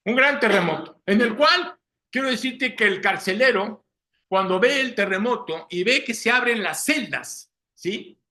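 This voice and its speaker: A man's voice: sits high, animated, measured pace, pushed and bright. A man preaching a Sunday sermon, often checking in with the congregation with rhetorical questions. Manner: asks listeners rhetorical questions, frequent "¿sí?".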